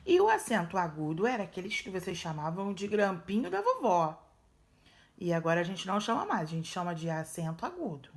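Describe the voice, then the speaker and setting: A woman's voice: lowish voice, sing-song, a little fast. A woman schoolteacher with a Brazilian accent patiently walks young pupils through workbook exercises, checking in often. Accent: Brazilian Portuguese. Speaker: primary school teacher. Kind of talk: recorded remote lesson walkthrough.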